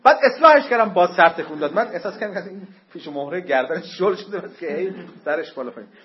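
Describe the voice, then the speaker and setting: An animated man with a voice that sits high lectures a seminary class on Islamic jurisprudence. He's emphatic and makes joking asides to his students, captured in a dull, lo-fi classroom recording.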